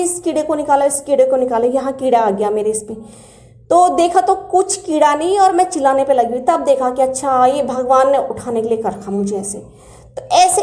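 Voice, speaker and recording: A woman earnestly and animatedly recounting her spiritual experiences as a personal story. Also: high voice. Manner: earnest and animated, acts out quoted words. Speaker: devotee sharing spiritual experiences. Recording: echoey room.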